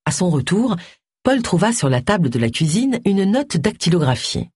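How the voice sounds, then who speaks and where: An audiobook narrator giving an expressive reading of a novel on a close studio mic. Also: medium pitch, moderate pace, husky, no echo.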